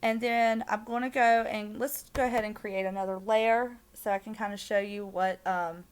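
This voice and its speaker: A young woman with a strong Southern US accent, talking through a screen-recorded software tutorial in a chatty way, with plenty of "um"s and little apologetic asides. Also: mid-range voice, little pitch movement, moderate pace, clear, resonant tone. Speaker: tutorial maker.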